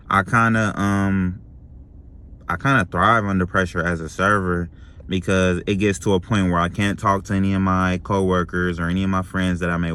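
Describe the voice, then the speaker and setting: A young man with a low, deep voice talks casually to camera in a vlog. He rambles, restarts his sentences and keeps checking in with the listener. A faint hum of room ambience sits behind him. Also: a bit bright. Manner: rambling, self-correcting, says "you know what I mean". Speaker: restaurant server vlogger. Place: lives in Florida.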